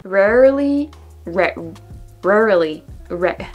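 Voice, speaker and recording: In a casual reaction vlog with lo-fi sound and a bit of background music, a young French-accented woman from France speaks at medium pitch with lively intonation. She thinks aloud, laughs often, and slowly repeats English words again and again to nail them.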